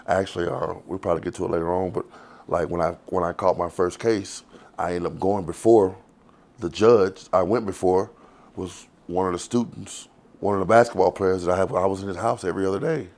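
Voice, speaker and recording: A man's voice: deep voice, fairly even intonation, a little fast, darkish tone. A man, telling his life story in a loose, rambling, profane way in an interview. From Texas. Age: 40s. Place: outdoors on the street.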